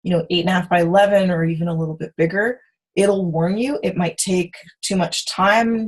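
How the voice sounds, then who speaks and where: A woman teaching design software on a video call, chatty and self-correcting as she demonstrates. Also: on the low side, poor audio. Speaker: software instructor. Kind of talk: screen-share tutorial.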